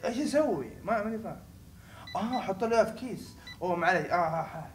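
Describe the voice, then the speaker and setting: A young man hosts a gaming video, joking and teasing the game's characters. His voice sits high for a man. He slips into laughter and sudden loud bursts. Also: lively intonation, fast talker, slight background noise. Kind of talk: joking let's-play commentary.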